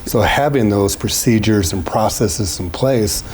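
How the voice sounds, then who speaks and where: A man's voice: lowish voice, unhurried, a little mellow, a little hiss or hum. An American man in the role of interviewer, talking conversationally and putting short questions and comments.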